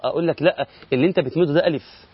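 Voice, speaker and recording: A man's voice: fairly high pitch, racing, slightly rough, no echo, dull audio. A middle-aged man with an Egyptian Arabic accent teaching Quran recitation rules in a recorded lesson, explaining step by step, asking and answering his own questions and drawing out sample words.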